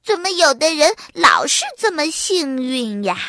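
A woman voicing a cheeky, bossy little sister in a children's storybook, exclaiming in a high voice. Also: very animated, a little slow, sharp tone, dry recording, clean studio sound, exaggerated voice. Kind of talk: children's audiobook reading.

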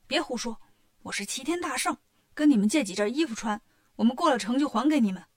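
A woman voicing a brash, scheming monkey king in a children's story, talking briskly and confidently. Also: high voice, expressive.

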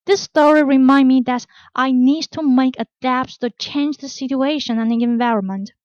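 A woman hosting a storytelling podcast, reading a scripted story in a plain, unhurried way with small grammar slips. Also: sits high, darkish tone, no echo. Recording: dull, dry lo-fi recording.

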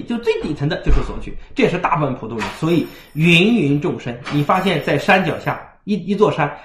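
Male parenting lecturer, fast and lively, keeps asking "right?", roomy sound. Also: fairly high pitch. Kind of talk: livestream lecture. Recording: roomy echo.

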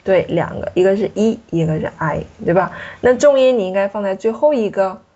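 A woman teaching a French alphabet lesson at a medium pitch. She is patient and repeats each letter slowly so the learner can follow. The recording is somewhat dull and lo-fi. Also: expressive, warm tone.

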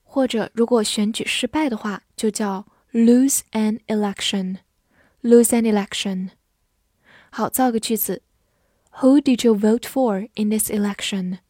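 A woman giving a vocabulary lesson, spelling words out letter by letter and reading example sentences slowly, Chinese as her first language. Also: mid-range voice, a little mellow, dry recording, clean studio sound. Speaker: English teacher.

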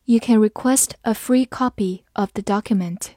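A woman whose first language is Chinese teaches English vocabulary in a scripted lesson, spelling each word letter by letter and reading the example sentences slowly. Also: mid-range voice, mellow, no room sound, studio quality.

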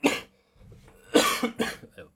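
A man working as a voice coach, critiquing students' readings on a live stream in a relaxed corrective tone and often clearing his throat. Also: very slow.

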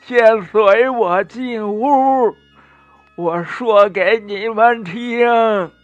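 A man putting on a kindly old village woman from a children's storybook who drags out every phrase in a slow, patient drawl. Her voice sits high in the register, with a changed, unfamiliar tone. It is dry and close, with nothing around it. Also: dry recording, lo-fi sound, soft background music. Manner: slow, drawn-out speech.

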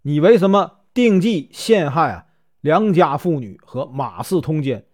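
A man's voice: on the high side, animated, unhurried, a little mellow. A man voicing a stern male county magistrate who scolds and gives orders in a storybook tale. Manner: scolding, commanding.

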